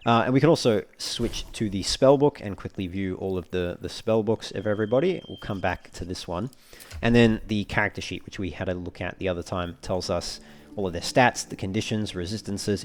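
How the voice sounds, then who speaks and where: Speaking in a low voice, a man hosts a walkthrough with relaxed let's play commentary. He explains things at a measured pace, in a somewhat formal and wordy style.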